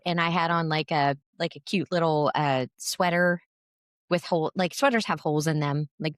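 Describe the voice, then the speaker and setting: A woman's voice: lowish voice, no room sound, studio quality. A woman co-hosting a podcast, telling a long story in casual chat with lots of fillers and restarts. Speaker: podcast co-host.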